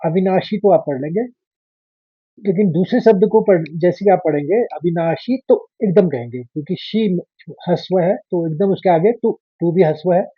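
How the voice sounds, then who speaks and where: A man teaching Sanskrit verse recitation step by step, patiently breaking words into syllables and chanting each line slowly, recorded with a dull lo-fi sound. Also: sits high, breathy edge, no echo. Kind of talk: step-by-step Gita recitation lesson.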